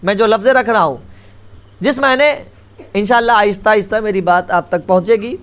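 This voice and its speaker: High-voiced man preaching a majlis sermon. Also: fairly bright tone. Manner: repeats key lines and keeps calling the audience to attention; rises in pitch and force as the sermon builds. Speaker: maulana giving a majlis address.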